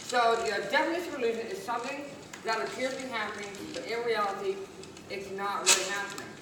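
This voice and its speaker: A woman's voice: mid-range voice, fast talker. A woman presenting as a stage magician in a duo, with rehearsed, explanatory patter in fairly formal wording. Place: echoey room at a live show. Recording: very echoey distant room, hissy noise.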